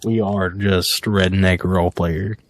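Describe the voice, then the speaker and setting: Southern dude joking around at the game table, kinda low voice. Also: male voice, steady tone, slow pace. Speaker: player. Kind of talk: casual chat at a tabletop game.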